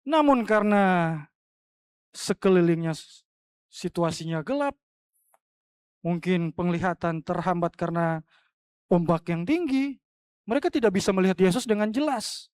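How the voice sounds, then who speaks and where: A woman pastor preaching a sermon in church, swinging between loud emphatic cries and soft, hushed lines. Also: fairly low pitch, expressive, a little slow, pauses often, no echo, clean studio sound.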